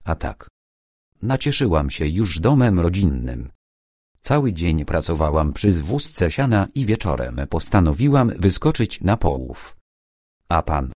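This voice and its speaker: A man voicing a direct, lively young woman from the countryside in an audiobook. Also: low-pitched, a little slow, no echo, clean studio sound, heavily acted. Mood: casual. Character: cheerful young blonde village woman, direct. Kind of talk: audiobook character reading.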